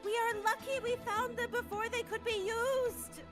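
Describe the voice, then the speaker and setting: A woman's voice: very high-pitched, fairly even intonation, moderate pace, a bit bright, soft background music. A woman voicing a stern, haughty young royal zealot from a video game, speaking formally and commandingly. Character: stern, imperious young female royal zealot guarding a sacred place. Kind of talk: video game dialogue read aloud in character.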